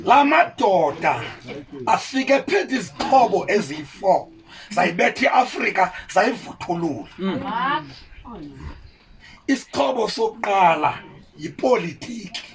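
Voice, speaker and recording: A high-pitched man with a Xhosa accent speaks as an orator and teacher. He explains his points didactically, and the microphone picks him up from a distance. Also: very animated, a little slow, long pauses. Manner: didactic, rhetorical questions and explanations. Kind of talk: impassioned oratory to responding listeners. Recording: distant mic.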